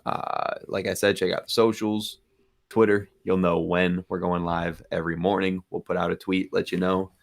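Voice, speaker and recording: Low gravelly young male sports host. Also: moderate pace. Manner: relaxed, plugs socials and sponsor. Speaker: podcast host. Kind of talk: casual sports chat.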